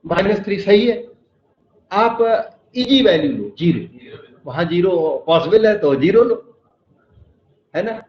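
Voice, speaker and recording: A man's voice: high voice, big pitch swings, a little slow, long pauses. A male maths teacher giving a lecture in a classroom, explaining step by step and quizzing his students. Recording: echoey room, slightly dull sound.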